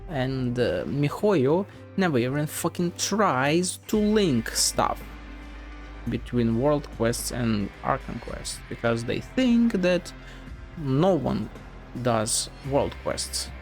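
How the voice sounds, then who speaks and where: Game music runs underneath as this streamer, in a sing-song, medium-pitched voice, takes his time commenting on what he's playing. He's blunt and offhand, mumbling to himself, cursing, and reading on-screen text out loud.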